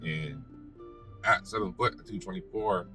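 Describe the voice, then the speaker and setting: An American man, a vlogger, casually telling a personal story in a halting, rambling way with self-corrections. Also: low voice, bright, forceful tone. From United States. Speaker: vlogger and former basketball player. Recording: distant mic, music behind.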